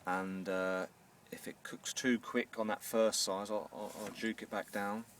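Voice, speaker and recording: A man's voice: fairly low pitch, level tone, a little slow, fairly bright tone. A man with a Northern Irish accent chatting casually and unscripted as he cooks, hesitating and repeating words as he starts phrases. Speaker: home baker demonstrating a recipe. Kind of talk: casual unscripted chat while cooking. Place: inside a camper van. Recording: distant mic with faint background noise.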